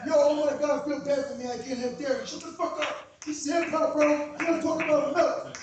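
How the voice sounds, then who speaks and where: High-voiced, echoey man with Queens accent, ranting. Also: little pitch movement, a little fast, background noise. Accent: Queens New York. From Queens, New York, USA. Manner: emphatic, repetitive, punchy phrases with rhetorical questions. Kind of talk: animated, profane comedic rant. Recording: very echoey room, distant mic.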